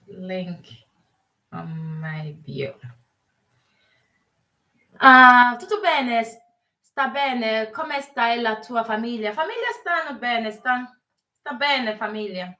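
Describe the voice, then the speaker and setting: A woman hosting a casual live chat with viewers, mixing English and Italian and often pausing to search for words. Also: fairly high pitch, sharp tone, reverberant, recorded from a distance. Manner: mixes English and Italian while greeting viewers. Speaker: live stream host.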